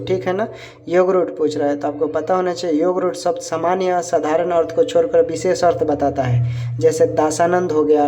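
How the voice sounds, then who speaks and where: Warm-voiced man teaching an exam practice lesson. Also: fairly high pitch. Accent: Hindi, Bihar. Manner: repeats answers, constant "theek hai" check-ins.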